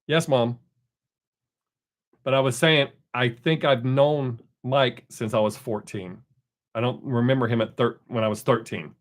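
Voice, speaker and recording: A middle-aged man from the American South speaks a little slowly in a mid-range voice while hosting a casual live stream on a desk mic. Chatty and rambling, he talks with his viewers and reads their chat aloud.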